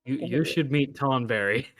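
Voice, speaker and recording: A man running a tabletop game as game master, playful and teasing, quick to joke with his players. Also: mid-range voice.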